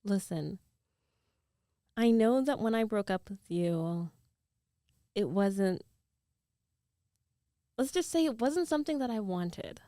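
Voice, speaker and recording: Close to the microphone, a woman speaks softly and in halting bursts while portraying a concerned, teasing young ex-girlfriend in an intimate ASMR roleplay. Her medium-pitched delivery is animated and echo-free, tinged with hesitance and regret.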